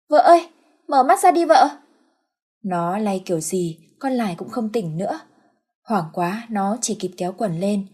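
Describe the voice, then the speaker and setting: A woman narrating an audiobook story in a steady, plain storytelling manner. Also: medium pitch, husky.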